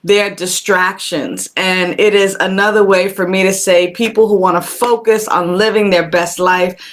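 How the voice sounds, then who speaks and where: A woman's voice: mid-range voice, steady tone, moderate pace. Woman minister talking to the camera, casual preachy chat, says things twice for emphasis. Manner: warm conversational preaching, greets viewers by name; repeats phrases for emphasis. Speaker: minister and show host. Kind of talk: live-streamed spiritual talk.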